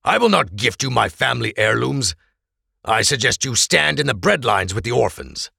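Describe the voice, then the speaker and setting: A man voicing a tense, guarded young man who is quick to anger. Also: mid-range voice, very animated, vocal fry, bright, forceful tone, husky, dry recording, studio quality, pitched above the performer's own voice, exaggerated voice. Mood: scornful.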